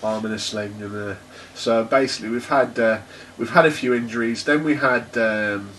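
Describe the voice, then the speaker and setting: A man's voice: medium pitch, normal speed, fairly bright tone, recorded from a distance, a little hiss or hum. A man co-hosting a casual tech podcast, talking in a rambling, hesitant way with lots of fillers and laughs. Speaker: podcast co-host. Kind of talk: casual chat.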